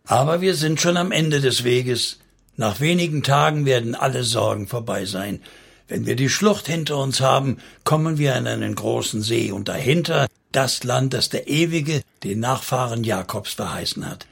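Guy reading grumbly old tribe elder, gravelly husky voice, kinda weary. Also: mid-range voice, lively intonation, moderate pace, fairly bright tone, full character voice. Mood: earnest. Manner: murmuring, grumbling.

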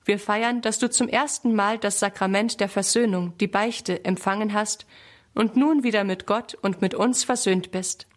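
A woman's voice: mid-range voice, steady tone, normal speed, lightly acted. A woman voicing a loving father sheep in a children's story, speaking in a tender, fatherly way. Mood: joyful.

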